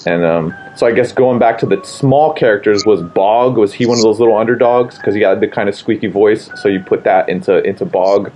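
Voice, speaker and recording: A man's voice: on the low side, brisk, few pauses, mellow, a little hiss or hum. A man interviewing a voice actor about his film, asking loosely phrased, rambling questions in a casual chat. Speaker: interviewer, filmmaker.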